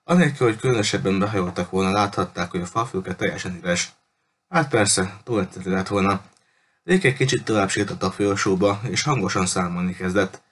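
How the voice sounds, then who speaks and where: A man narrating a children's adventure audiobook in a calm, steady reading voice. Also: low-pitched, slightly rough. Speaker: audiobook reader.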